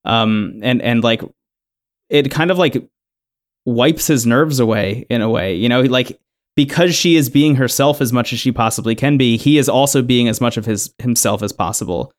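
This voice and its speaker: A man's voice: mid-range voice, moderate pace. Man casually recapping a reality show. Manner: relaxed storytelling, many "like" and "um" fillers. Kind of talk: casual chat.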